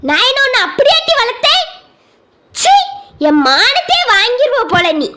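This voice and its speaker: A woman voicing a strict, harsh cartoon mother in a sharp, scolding manner. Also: extremely high pitch, big pitch swings, normal speed, a little hiss or hum, voice pushed up, exaggerated voice. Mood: angry.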